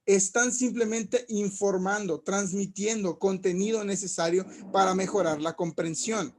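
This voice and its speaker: High-voiced man teaching a lesson. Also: steady tone, unhurried, darkish tone, slight background noise. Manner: explanatory, asks rhetorical checks like "¿no?". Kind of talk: recorded class lecture.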